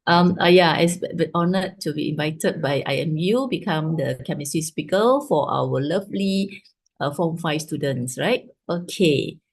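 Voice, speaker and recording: A woman's voice: sits low, moderate pace, slightly rough. A Malaysian-accented older woman teaching an informal online class, switching between English and Malay and often adding little tags to check in. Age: 50s or older. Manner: checks in with tags like "right", "ya", "lah". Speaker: chemistry teacher giving an online revision class. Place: online video call with screen share.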